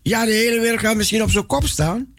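Fervent preaching man with a gravelly voice. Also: high voice, brisk, fairly bright tone, no echo, studio quality. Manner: impassioned, repetitive, many restarts and stumbles. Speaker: radio evangelist. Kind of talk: preaching on radio.

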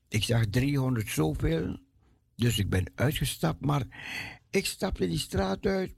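A man giving a personal testimony as an animated story. He repeats words for emphasis and acts out the voices of the people he met. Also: medium pitch, creaky, husky, dry recording, clean studio sound.

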